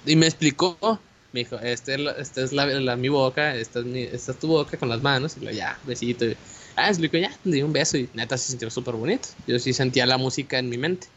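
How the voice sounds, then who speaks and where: A young man with a Mexican Spanish accent telling a personal story in casual chat, animated and slangy, with many fillers and restarts. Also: medium pitch, fast talker. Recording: dull lo-fi audio with faint hiss.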